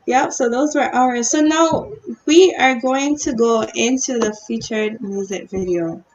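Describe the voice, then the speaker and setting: A woman co-hosts a youth talk show from a video call. Her voice sits high. She tells stories in a chatty, laughing way. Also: unhurried, darkish tone, lo-fi sound. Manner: chatty storytelling with frequent laughs. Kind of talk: casual panel chat.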